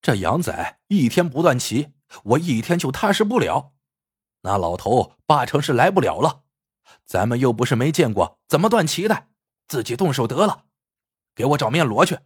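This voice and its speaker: A man voicing a hot-tempered, anxious landowner who scolds in a rushed, agitated way in a storybook tale. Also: mid-range voice, big pitch swings, husky, dry recording, clean studio sound. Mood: angry.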